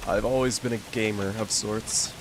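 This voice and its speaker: A young adult man, a gaming streamer, chats casually while playing a game, his lowish voice steady and at a moderate pace. He rambles with plenty of fillers, and hiss runs under the recording.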